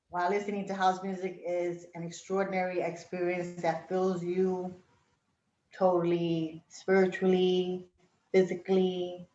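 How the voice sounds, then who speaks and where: Reflecting on her past in a casual interview, a middle-aged woman from Puerto Rico who grew up in Brooklyn, New York, rambles comfortably with many fillers and frequent little laughs. Her pitch is ordinary, and the recording sounds roomy and a bit dull.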